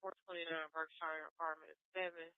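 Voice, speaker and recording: A man's voice: on the high side, little pitch movement, a little fast, clear, resonant tone. A male police dispatcher reading out calls over police radio in a clipped, routine manner. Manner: clipped, routine call-out delivery. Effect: police radio transmission. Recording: tinny narrow-band radio audio.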